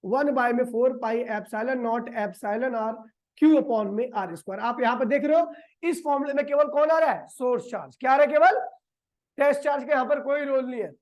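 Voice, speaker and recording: A man with a notably high voice teaches physics to a room of students. He keeps asking short questions and answering them in the same breath. At times he slows to a crawl to dictate a definition. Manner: quizzes the class and answers his own questions. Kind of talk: classroom lecture. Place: classroom with a board.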